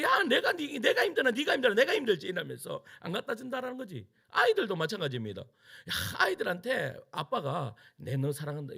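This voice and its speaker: Middle-aged male pastor, Gyeongsang Korean accent, gravelly and husky, wildly animated storytelling sermon. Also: sits high. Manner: animated storytelling with acted-out quotes and frequent laughter. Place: church sanctuary.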